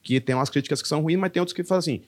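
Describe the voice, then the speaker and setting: Homem contando histórias com muito palavrão. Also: male voice, fairly high pitch, very fast. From Brazil. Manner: profane, animated storytelling with acted quotes. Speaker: stand-up comedian guest. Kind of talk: casual podcast chat.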